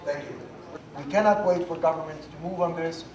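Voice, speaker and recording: Man moderating a panel, brisk. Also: on the high side, steady tone, a little mellow, slight background noise. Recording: echoey hall, distant mic.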